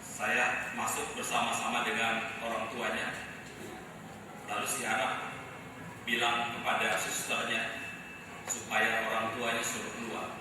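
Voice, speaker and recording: A man's voice: mid-range voice, completely flat delivery, measured pace, long pauses, distant mic. A man with an Indonesian accent preaching a sermon, telling a story to the congregation and addressing them directly. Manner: addresses congregation as saudara, storytelling, rising to loud emphatic preaching. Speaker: pastor. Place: large church hall. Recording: echoey church hall, voice from afar, noisy.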